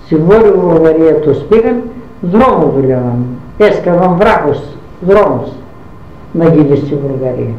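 A woman's voice: deep voice, a little hiss or hum. An older woman tells a family story from her past in an interview, acting out who said what. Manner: animated, acts out dialogue with many "she says" tags. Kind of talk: oral history storytelling. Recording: echoey dull lo-fi recording.

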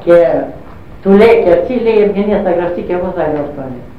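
A woman's voice: fairly low pitch, animated, slight background noise. An older woman recounting memories, acting out quoted dialogue with constant "she says, I say" tags. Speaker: interviewee recalling her youth. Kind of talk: oral history storytelling. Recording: echoey, distant, dull lo-fi recording.

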